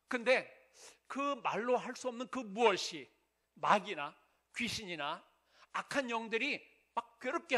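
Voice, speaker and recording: A man's voice: sits high, sharp tone. A male pastor giving a sermon in an earnest, conversational way, asking the congregation rhetorical questions. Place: church sanctuary.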